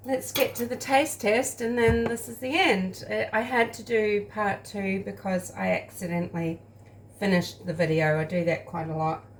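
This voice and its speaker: A woman's voice: medium pitch, steady tone, normal speed, a little hiss or hum. A woman chatting casually through a home baking taste test, rambling and talking while she eats.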